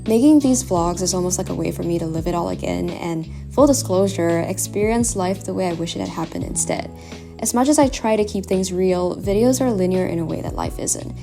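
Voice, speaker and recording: A woman's voice: on the low side, fairly quick, creaky, music in the background. A young woman narrating her vlog in a casual, candid and reflective way. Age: young adult. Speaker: student vlogger.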